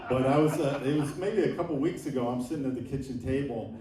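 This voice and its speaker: Rambling man in his sixties doing stand-up. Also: medium pitch. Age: 60s. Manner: rambling, halting, self-deprecating delivery with many fillers. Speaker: stand-up comedian. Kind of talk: stand-up set. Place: live comedy venue with audience laughing. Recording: echoey room, mic at a distance, crowd laughter.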